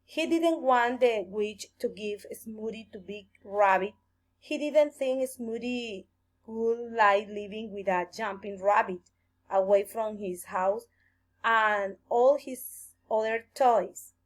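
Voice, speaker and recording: A woman reading a fairy tale aloud for children, slow, gentle and expressive. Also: mid-range voice. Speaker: storyteller.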